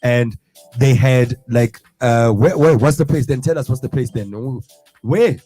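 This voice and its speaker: A man's voice: mid-range voice, fairly even intonation, unhurried, warm tone, faint music behind. A young man with a South African accent hosting a radio breakfast show in casual, rambling chat, full of repeated fillers. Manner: rambling, filler-heavy, repeats "you know what I mean". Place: studio.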